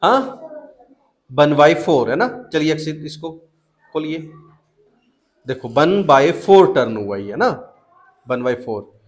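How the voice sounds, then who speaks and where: A man's voice: fairly high pitch, expressive, unhurried, long pauses. A young man teaching a math class to children, coaxing them with repeated questions in a classroom. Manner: questioning, coaxing students to answer. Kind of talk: classroom teaching, mixing Hindi and English.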